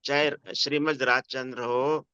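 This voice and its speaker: Bright, crisp-voiced man asking thoughtful questions. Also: medium pitch, little pitch movement, no room sound, muffled recording. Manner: thoughtful, halting, searching for words. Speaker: conversation partner asking questions. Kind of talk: casual spiritual discussion.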